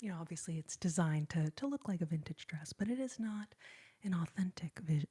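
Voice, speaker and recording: Holding her phone close, a young woman hosts an ASMR stream, whispering greetings and pet names to her viewers. Her husky voice is fairly low and dark, with lively intonation and a slightly fast pace.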